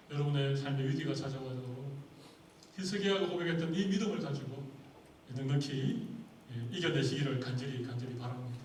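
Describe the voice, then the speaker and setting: Korean-speaking pastor preaching in an echoey hall. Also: male voice, medium pitch, darkish tone, slight background noise. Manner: preaching with rhetorical questions to the congregation. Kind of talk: sermon. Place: church sanctuary. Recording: echoey hall, far from the mic.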